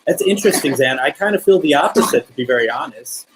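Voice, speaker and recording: Against a noisy background, a man with a mid-range voice hosts a live paranormal session, speaking fast and expressively. His manner is casual and conversational as he calls out questions to spirits and to unseen viewers.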